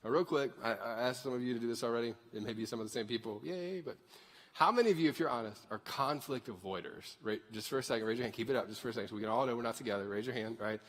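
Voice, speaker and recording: Husky thirty-year-old preacher in a reverberant hall. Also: male voice, medium pitch, very fast. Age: 30s. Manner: conversational, asks the crowd for raised hands. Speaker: pastor. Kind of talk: sermon. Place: large church sanctuary.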